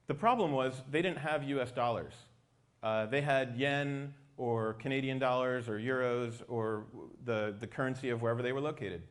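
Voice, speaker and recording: A man giving an explanatory technical talk as a company presenter. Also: mid-range voice.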